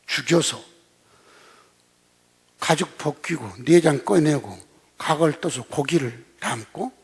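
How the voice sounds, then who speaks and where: A man's voice: on the high side, slow pace. An older man preaching a sermon as a senior pastor, telling the story in a blunt, colloquial way and throwing rhetorical questions at the congregation.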